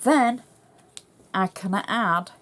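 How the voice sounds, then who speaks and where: A woman's voice: mid-range voice, extremely slow, fairly bright tone. A middle-aged woman with a Yorkshire accent, chatting through a cardmaking tutorial and explaining each step as she works. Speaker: craft tutorial host.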